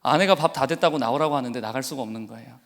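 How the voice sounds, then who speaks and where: A man's voice: medium pitch, rapid-fire, a bit bright. A man preaching a sermon as pastor, telling an emotional personal testimony and rising into fervent exhortation. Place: church sanctuary. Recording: long church hall reverb.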